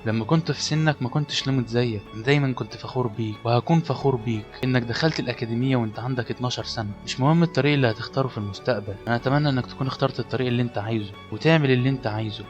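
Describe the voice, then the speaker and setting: A man with an Egyptian Arabic accent voicing an old grandfather speaking softly and tenderly to his grandson. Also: medium pitch, rapid-fire, few pauses, close to an everyday voice. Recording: slightly dull lo-fi audio, faint music.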